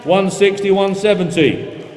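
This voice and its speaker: High-pitched auctioneer man in echoey hall. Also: darkish tone. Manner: rapid repetitive bid-calling patter. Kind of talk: live auction calling. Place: large reverberant auction room. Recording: echoey hall PA, music behind.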